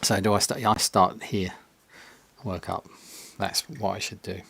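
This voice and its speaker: Casting: man, lower pitch, dry close mic, relaxed self-mocking live-stream chat from a home workshop. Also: a little slow, gravelly, husky, no room sound. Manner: chatty, self-mocking, drops to near-whisper while concentrating. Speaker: maker streaming a pinball build. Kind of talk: casual live-stream chat while painting. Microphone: separate desk mic, not on camera.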